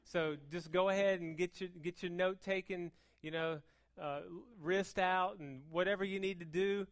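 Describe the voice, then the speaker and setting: An American woman preaching an informal sermon, talking fast in an emphatic, conversational way with repeated words and rhetorical questions. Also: on the low side, steady tone.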